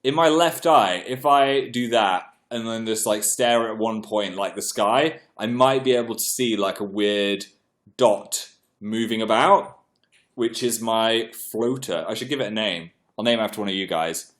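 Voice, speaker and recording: His voice is lowish and fairly bright, and he takes his time. The young man hosts a relaxed livestream, stuffed up and clearing his throat, chatting in a self-deprecating way as he reads viewer comments out loud.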